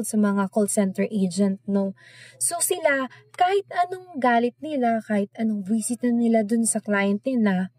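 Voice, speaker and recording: A young Filipino teacher with a Filipino accent gives a chatty, informal lesson, mixing English and Filipino and often adding tag questions. Her voice is a little high and warm, with no echo.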